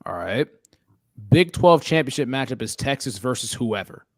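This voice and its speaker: A man hosts a casual sports talk show, steering the conversation and jokingly quizzing his co-hosts. His mid-range, darkish voice swings widely in pitch at a moderate pace, recorded in clean studio sound with no room sound.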